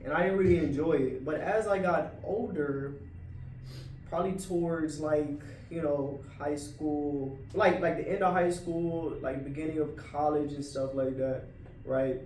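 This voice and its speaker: A man's voice: a little high, a little slow, a little mellow, far from the mic, a little hiss or hum. A man in a casual discussion, talking in a laid-back way, full of fillers like "like" and "right". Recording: roomy audio from off-mic.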